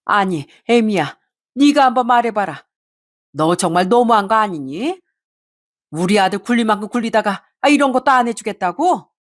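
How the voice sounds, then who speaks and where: A woman voicing a greedy, nagging older mother-in-law who drawls her complaints slowly and guilt-trips. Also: mid-range voice, expressive, lightly acted. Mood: shrill scolding. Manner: slow, drawn-out, whining guilt-tripping.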